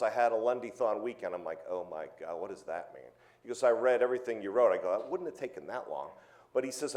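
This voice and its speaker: A man's voice: mid-range voice, a little mellow. A man, an orthopaedic surgeon giving a conversational, emphatic conference lecture that stresses key words by repeating them.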